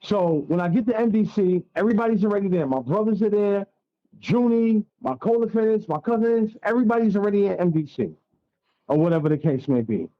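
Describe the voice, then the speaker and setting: A man's voice: high-pitched, expressive, a little fast, highs cut off. A man, telling a blunt, profane story as a guest on a radio interview. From Staten Island, New York.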